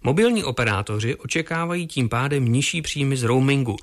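A man hosting a news broadcast, asking interview questions in a formal, crisp manner. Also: mid-range voice, expressive. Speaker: news anchor.

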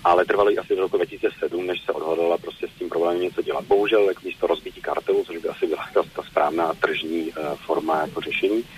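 A man's voice: low voice, fairly even intonation, hardly any pauses, a little hiss or hum, low-quality recording. A man speaking as a telecom regulator in a news interview, explaining at length with many hesitations and fillers.

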